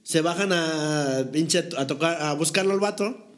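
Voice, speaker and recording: Mexican man, 30s, relaxed raunchy anecdote teller, slightly high voice. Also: a little slow. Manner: long slangy storytelling, swearing. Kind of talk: casual chat among friends.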